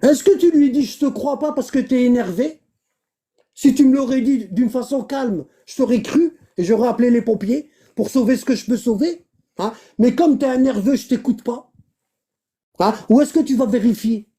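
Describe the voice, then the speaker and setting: A man's voice: very high-pitched, normal speed, warm tone, husky. A man hosting a live online debate, arguing and repeating himself. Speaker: live stream host.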